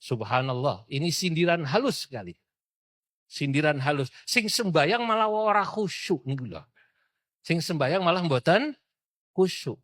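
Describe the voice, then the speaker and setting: A man's voice: a little high, big pitch swings, a little slow, a bit bright, no echo, clean studio sound. A middle-aged man preaching a storytelling sermon and acting out the characters' cries.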